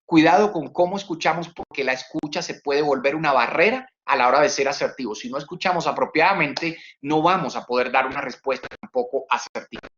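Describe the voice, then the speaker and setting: Animated male webinar trainer, muffled sound. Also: brisk, hardly any pauses. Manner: animated, swings pitch high and low to demonstrate tone; repeats words for emphasis. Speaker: communication trainer. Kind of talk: webinar lecture.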